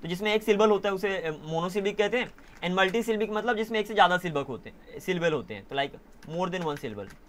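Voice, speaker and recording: A young man teaching an online English class in a casual way, often pausing to correct himself. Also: high-pitched, animated, a bit bright. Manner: casual, self-correcting, mixes Hindi and English.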